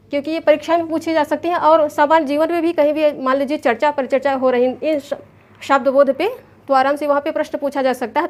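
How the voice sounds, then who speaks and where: A woman, patiently teaching an exam lesson from a chart, repeating terms and counting them aloud. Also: high-pitched. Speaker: Sanskrit exam coach. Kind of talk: recorded online lesson explaining a chart.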